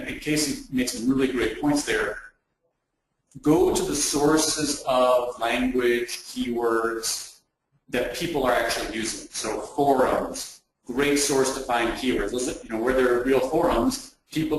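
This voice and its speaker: A man speaking as a panelist on a video call, thoughtful and measured. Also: mid-range voice. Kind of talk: expert discussion. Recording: very echoey, distant mic.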